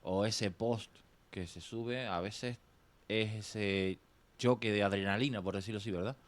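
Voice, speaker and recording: A man interviewing a guest, speaking gently with short, supportive remarks. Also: lowish voice, steady tone, measured pace. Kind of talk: casual interview conversation.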